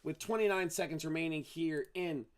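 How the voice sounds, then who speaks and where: A man's voice: a little high, normal speed. A man streaming live play-by-play commentary on a football game, calling each play and dropping casual, sarcastic asides.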